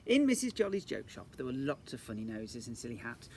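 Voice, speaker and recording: Reading to small children outside in a garden, this teacher speaks in a sing-song, fairly quick way, his medium-pitched voice carrying a darkish tone. He playfully slips in questions and side comments. Faint outdoor sounds sit in the background.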